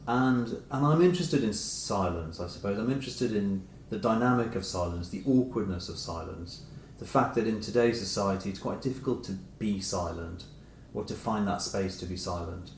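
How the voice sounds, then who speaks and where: Being interviewed, a middle-aged author speaks tentatively and reflectively while he rephrases his ideas. His pitch is fairly low and his speed normal. The audio carries a roomy echo and clear background noise.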